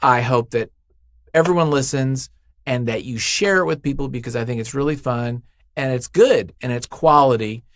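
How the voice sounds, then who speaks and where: A medium-pitched man speaking at normal speed, with no room sound at all, is the guest in a casual studio interview about his work as a podcast writer. He's effusive and jokey, and he rambles freely in the unscripted chat.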